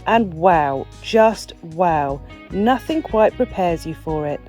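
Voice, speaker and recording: Female narrator, mellow, descriptive voice-over, light music bed. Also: fairly low pitch, expressive, slow. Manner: wonder-filled, descriptive. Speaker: vlog narrator. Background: faint music.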